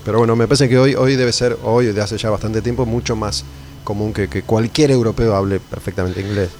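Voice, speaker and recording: A man's voice: fairly low pitch, fairly even intonation, brisk, a little mellow, a little hiss or hum. Chatty Rioplatense man interviewing. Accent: Rioplatense Spanish. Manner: chatty, blunt, with tag questions. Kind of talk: casual interview chat.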